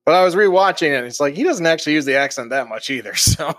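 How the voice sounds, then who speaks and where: A man's voice: a little high, animated, racing, fairly bright tone, no echo, studio quality. A man co-hosting a podcast, chatting casually and laughing at himself. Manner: chatty, self-deprecating, laughs often. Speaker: podcast co-host.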